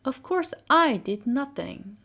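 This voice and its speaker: A woman voicing a polite, motherly little girl in a soft whispered role-play for a bedtime storybook. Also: sits high, very animated, slow pace, gravelly, voice pushed up, full character voice. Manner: gentle, prim, sometimes indignant.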